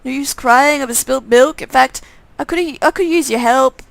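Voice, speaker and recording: A woman voicing a sarcastic young man, a flesh-hungry twin brother who grumbles and threatens in a game reading. Her voice is a bit high and gravelly. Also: normal speed, no echo. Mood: aggrieved.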